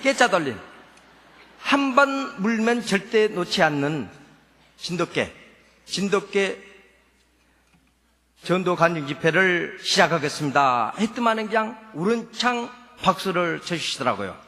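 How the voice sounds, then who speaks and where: A man's voice: high voice, lively intonation, measured pace, pushed and bright, long reverb tail. A man from South Jeolla with a Jeolla dialect accent, a church elder giving a folksy, humorous testimony at a revival meeting. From Suncheon, South Jeolla, Korea. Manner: folksy, storytelling, playful dialect jokes.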